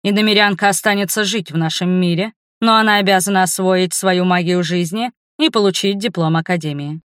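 A woman reading the lines of a formal male academy rector in an audiobook, in a measured, official way. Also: on the low side, clear, resonant tone, no room sound, clean studio sound, close to an everyday voice. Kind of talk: audiobook narration.

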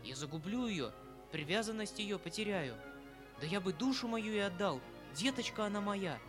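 A man's voice: high voice, lively intonation, normal speed, voice pushed up. A man reading the part of a tender, fretful aging uncle, a retired colonel, who talks in an emotional, rambling, pleading way. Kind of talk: audiobook reading of a classic novel. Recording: faint background music.

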